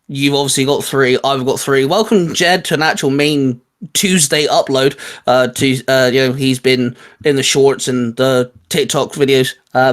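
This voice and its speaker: A man with a mid-range, slightly bright voice hosts a casual video chat and intro. He keeps repeating and stressing phrases for emphasis.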